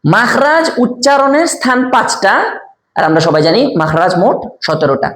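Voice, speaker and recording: A man teaching a step-by-step lesson, repeating key answers slowly, asking quiz questions aloud and demonstrating sounds himself. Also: sits high, big pitch swings, fairly bright tone, echoey room. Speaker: Quran recitation teacher.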